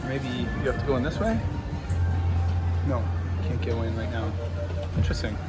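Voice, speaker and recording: A man's voice: mid-range voice, normal speed. A man giving casual commentary as a vlog host walking around a city. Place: busy city streets and shopping malls. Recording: loud music, outdoor city and traffic noise. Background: music, street and vehicle sounds.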